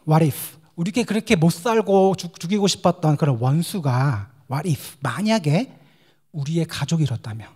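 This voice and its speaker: Young male junior pastor, Gyeongsang accent, animated and jokey sermon delivery, lively pitch. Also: husky. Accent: Gyeongsang Korean. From South Korea. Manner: animated, mixes English phrases, acts out dialect quips.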